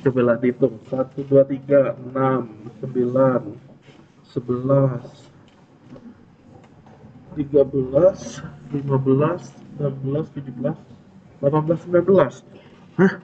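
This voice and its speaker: A man's voice: medium pitch, flat delivery, unhurried, pauses often. A male teacher taking the roll in a classroom, casual and teasing as he checks each student one by one. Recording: dull lo-fi classroom recording.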